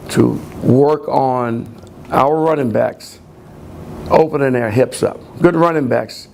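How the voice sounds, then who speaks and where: A man's voice: medium pitch, slow pace, vocal fry, darkish tone, a little hiss or hum. A man coaching running backs, explaining drills step by step in a plain, repetitive way. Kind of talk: coaching instruction.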